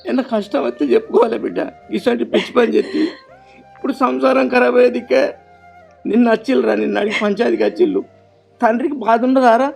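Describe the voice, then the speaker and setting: A man's voice: extremely high pitch, steady tone, quick pace, gravelly, darkish tone, soft background music, full character voice. A man playing an anguished old father. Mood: lamenting. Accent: Telangana Telugu. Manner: pleading, lamenting in long rural laments. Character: grieving older father, worn and anguished. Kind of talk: family web drama acting.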